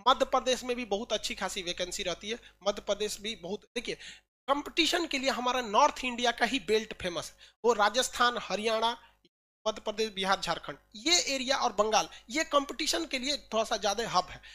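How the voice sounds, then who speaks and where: A woman's voice: on the high side, moderate pace, bright, forceful tone. A woman teacher running an exam-prep lesson, quizzing students with repeated questions and joking asides.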